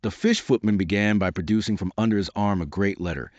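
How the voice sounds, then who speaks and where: A man narrating a classic children's tale as an audiobook, in a lively, expressive way. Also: fairly low pitch, fast, no echo, highs cut off.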